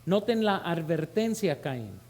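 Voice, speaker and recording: A Mexican pastor delivers a sermon in a church, his voice sitting notably high for a man. He speaks straight to the congregation, calling them brothers and putting questions to them. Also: sing-song, measured pace, a little mellow.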